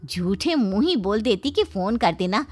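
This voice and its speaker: A woman's voice: medium pitch, sing-song, normal speed, background noise, natural voice. A woman voicing a worried mother in a cartoon story, concerned and indignant for her daughter.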